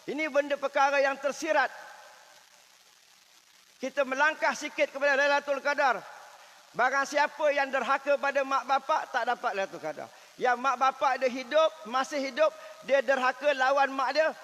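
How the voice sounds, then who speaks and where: A man with a Malaysian Malay accent preaching a sermon, firing rhetorical questions at his listeners and dropping soft and low when he voices prayers. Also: long reverb tail.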